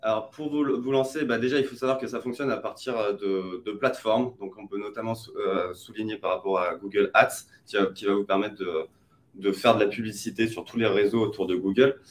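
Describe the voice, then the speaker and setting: A man from France with a somewhat low voice explains how online advertising works. He hesitates often, circles back and restarts his sentences as he lays out the ideas in a webinar. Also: fairly even intonation, a little fast.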